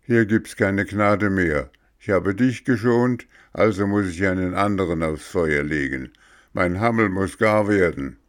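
A man voicing a gruff, bearded puppet-theatre director who speaks curtly in a storybook reading. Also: deep voice, unhurried, dry recording, studio quality. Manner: gruff, curt, then gentler.

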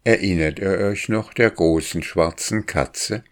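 A man's voice: deep voice, unhurried. A man voicing a sly male crow who answers knowingly in a storybook.

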